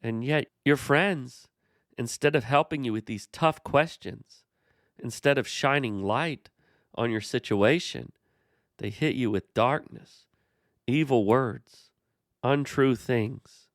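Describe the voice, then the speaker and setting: A man hosting a Bible study, explaining the passage in a measured way and speaking to the character directly. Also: mid-range voice, dry recording, studio quality. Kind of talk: scripture commentary dialogue.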